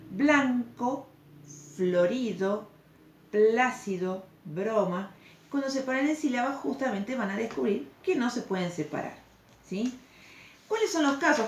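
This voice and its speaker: A woman teacher, patiently explaining a recorded lesson and checking in with the class through questions. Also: fairly high pitch. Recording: echoey room, faint background noise.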